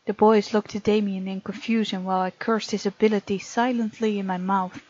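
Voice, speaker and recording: Reading on-screen game text and chatting about the plot, this gaming video host speaks fairly quickly in a level, darkish medium-pitched voice with no echo. Game music plays underneath her muffled, lo-fi microphone.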